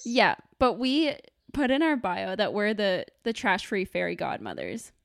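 A woman's voice: mid-range voice, very animated, measured pace, creaky, dry recording, clean studio sound. A woman chatting casually and informally as a podcast co-host, recorded at home on a microphone. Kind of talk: casual chat.

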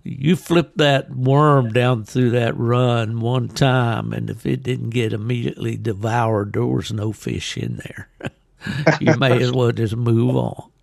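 An older American man from West Virginia chats casually as a podcast host, rambling and folksy with a gravelly voice. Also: mid-range voice, fairly even intonation, slow, no room sound, clean studio sound. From West Virginia, United States. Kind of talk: casual chat, reminiscing. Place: at home in a hot room he calls a sauna, fan and ice bucket.

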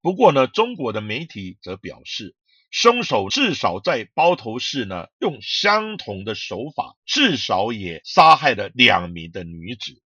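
A man's voice: mid-range voice, very animated, measured pace, bright, forceful tone, breathy edge, no echo, muffled recording. A man narrating true crime in short, emphatic phrases.

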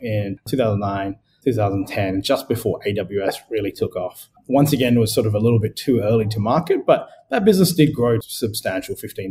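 A man's voice: on the low side, warm tone, a little hiss or hum. A man who grew up in Australia, a guest in a podcast interview, talking in a conversational way with fillers. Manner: conversational, thinking aloud with fillers.

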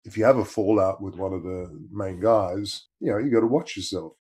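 A man's voice: brisk, darkish tone, husky. A man being interviewed about the past, his voice electronically altered to hide who he is, talking in a hesitant way with restarts. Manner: hesitant, repeats words and restarts. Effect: voice electronically altered to disguise identity, deep. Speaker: interviewee, former employee. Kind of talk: casual recollection in an interview.

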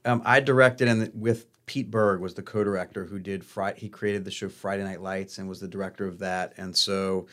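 A man's voice: deep voice, normal speed, hardly any pauses. A man from New Orleans, a puppetry company director, talking casually in a podcast interview with lots of fillers and restarts. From New Orleans, USA. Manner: relaxed, rambling with many fillers.

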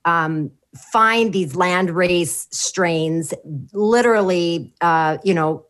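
A woman's voice: fairly low pitch, a bit bright. A woman co-hosting a talk show, who is a nurse, asking a guest questions with frequent hesitations. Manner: hesitant, fills pauses with um and uh. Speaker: co-host, nurse. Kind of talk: interview questions.

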